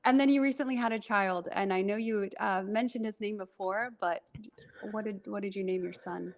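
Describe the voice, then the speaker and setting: Here is a woman hosting a relaxed podcast interview in a voice of middling pitch. She sounds warm and appreciative, and her chatty questions come with easy laughs and casual fillers. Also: moderate pace.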